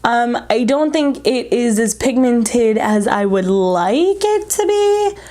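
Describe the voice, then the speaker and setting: Talking to the camera as she puts on makeup, this beauty vlogger gives a blunt, informal review full of jokey asides. Her voice is on the high side, animated yet slow, with a dark tone. Allergies leave her congested and short of breath, almost hyperventilating.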